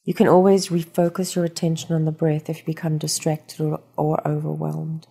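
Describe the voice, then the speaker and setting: The narration is a guided meditation led by a woman whose voice is low and husky. She delivers her unhurried instructions in a calm, soothing manner.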